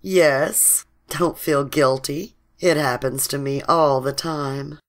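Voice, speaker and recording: Smug, teasing young billionaire in an audiobook, read by a woman, low and unhurried. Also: fairly even intonation.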